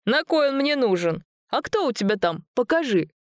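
A woman voicing a kindly old village grandfather, calm and gently placating, with folksy speech. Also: a little high, moderate pace, no room sound, studio quality, pitched above the performer's own voice. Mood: soothing.

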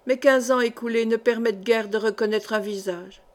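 A woman reading the part of a cunning, sneering middle-aged male seneschal in an audiobook, in a measured, calculating way. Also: a little high, steady tone, lightly acted. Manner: sly, sneering.

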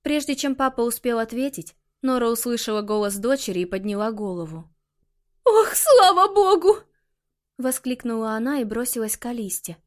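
A woman reading an audiobook in a measured, expressive way. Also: a little high. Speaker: audiobook narrator. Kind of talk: scripted audiobook narration.

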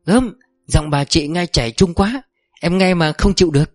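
A hot-tempered young wife from an audiobook story, put on by a male narrator, with a raised, shrill voice that snaps in jealousy and then melts into fawning apology. The reading is dry and close, with soft music underneath. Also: fairly quick, no echo, natural voice. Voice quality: shrill when angry, fawning when scared.

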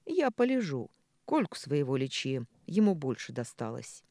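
A woman's voice: deep voice, very animated, moderate pace, mellow, no echo, clean studio sound. Woman voicing a languid, mocking neighbour. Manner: languid, drawling, mockingly thoughtful. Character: lazy, mocking man, a teasing neighbour. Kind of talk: audiobook character voice.

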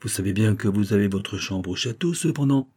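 A man's voice: on the low side, animated, a little fast, darkish tone, slightly rough. A man voicing a hospitable old general who speaks in a hearty way.

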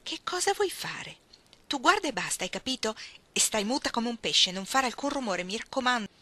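A woman's voice: medium pitch, animated, brisk, pushed and bright, pitched above the performer's own voice. A woman reading aloud, voicing a bold, mischievous tomboyish young woman who coaxes and pleads dramatically. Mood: coaxing.

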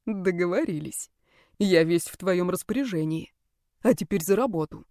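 A woman voicing a calm, protective young man who speaks softly and teases playfully in an audiobook. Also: normal speed, no echo, studio quality, natural voice. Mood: teasing. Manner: soft, low-key, playful. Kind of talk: audiobook character voice.

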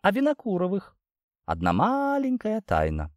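A man's voice: sits high, huge pitch swings, normal speed, no echo, studio quality, voice pushed up. A man voicing a sly gossiping captain. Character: sly male army captain, selling gossip.

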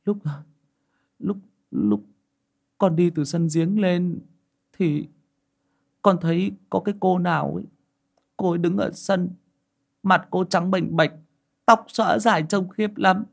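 A man's voice: sits high, slow, creaky, pauses often, voice pushed up, full character voice. A man playing a stammering, frightened village boy. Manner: stammering, timid.

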